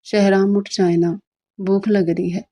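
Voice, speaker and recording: Annoyed young bride who's hungry voiced by a woman, mellow low voice, whiny and cross. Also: flat delivery, close to an everyday voice. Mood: indignant. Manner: indignant, complaining.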